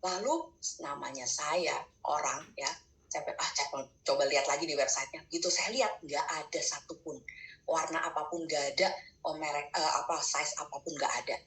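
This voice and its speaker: Older woman telling an excited testimony. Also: low voice, reverberant, low-quality recording. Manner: animated, gets excited and fast when retelling, quiet and hushed at reflective moments. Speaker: speaker sharing a testimony. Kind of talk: personal testimony storytelling.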